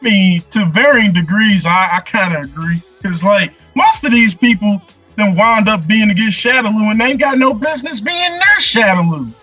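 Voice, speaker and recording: A man's voice: sits high, animated, normal speed, pushed and bright, husky, lo-fi sound, faint music behind. A man co-hosting a gaming podcast, talking in a laid-back, slangy way. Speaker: podcast co-host. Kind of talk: casual gaming chat.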